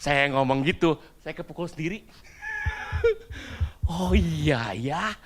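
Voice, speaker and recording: A man's voice: a little high, animated, slow pace. A man in his thirties preaching a casual sermon, telling stories about his small child in a chatty way and slipping in English phrases and slang.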